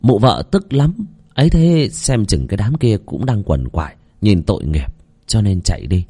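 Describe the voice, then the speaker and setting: A man's voice: lowish voice, moderate pace, husky. Dramatic male horror storyteller. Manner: dramatic, very expressive intonation.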